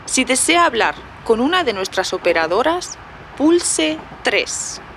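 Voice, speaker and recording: A woman's voice: sits high, big pitch swings, slow pace, creaky, noisy background, heavily acted. A woman playing an automated railway phone operator, reading menu options in a polite, formal announcement style.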